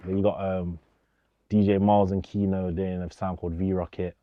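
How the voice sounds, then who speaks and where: Over phone-quality sound in a dry recording, a young male DJ talks with a deep voice in a level tone at normal speed. As the interview guest in a casual documentary, he is informal and slangy and tends to repeat himself.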